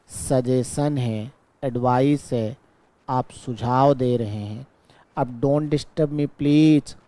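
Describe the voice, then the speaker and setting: A male teacher with a mellow, mid-range voice patiently walks his class through an exam-prep grammar lesson. He checks in with the students often and draws out his English example sentences very slowly.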